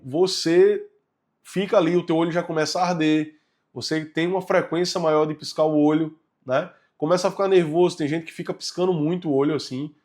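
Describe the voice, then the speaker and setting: A man's voice: fairly high pitch, darkish tone. A man giving a recorded video lesson, talking to viewers in a conversational way and checking in with them often. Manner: conversational, addresses viewers directly with frequent "né?". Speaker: course instructor.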